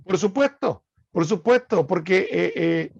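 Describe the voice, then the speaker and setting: High gravelly man, dull sound. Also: lively intonation, unhurried, a little mellow, no echo. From Panama. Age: 50s. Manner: conversational, hesitant with many "eh" fillers. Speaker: co-host. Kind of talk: casual chat.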